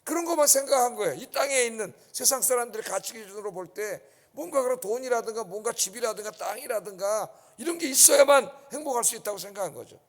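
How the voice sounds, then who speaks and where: A man's voice: extremely high pitch, expressive, fast, hardly any pauses. A male pastor preaching an early-morning sermon, emphatic and often checking in with the congregation. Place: church sanctuary. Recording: long church reverb.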